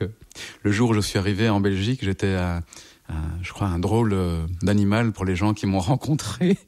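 A middle-aged man from France, a psychologist guest, recounting his life slowly and reflectively while searching for his words. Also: lowish voice, a little mellow. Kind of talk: personal interview testimony.

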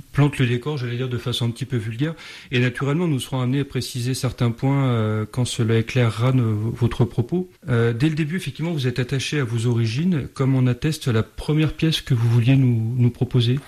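A man's voice: medium pitch, fairly quick, a little mellow. A man hosting a radio interview, speaking politely and formally, with a few hesitant restarts. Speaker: radio host.

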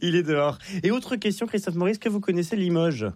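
Male morning radio host, fairly high voice, dry studio sound, informal and lightly teasing. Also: fast, a little mellow, dry recording. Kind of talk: live presenting with casual banter.

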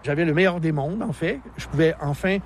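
A man's voice: on the high side, fairly quick, a little hiss or hum. A man in his sixties with a Québécois accent, an enthusiastic park naturalist explaining the landscape outdoors, laughing easily. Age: 60s. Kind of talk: outdoor interview.

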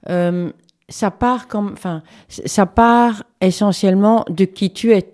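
Radio host, woman, warm mellow tone, informal, restarts her questions. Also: medium pitch, slow pace. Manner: casual, stumbling, repeats words while framing questions. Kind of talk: radio interview.

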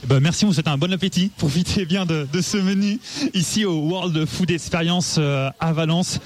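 A man's voice: a little high, brisk. Hesitant male radio reporter. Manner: hesitant, many fillers and restarts.

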